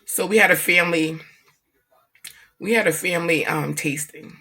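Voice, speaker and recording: A woman vlogging casually about family, telling an animated, profane story and acting out what others said. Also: fairly low pitch, normal speed, husky. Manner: emphatic, repeats herself for effect.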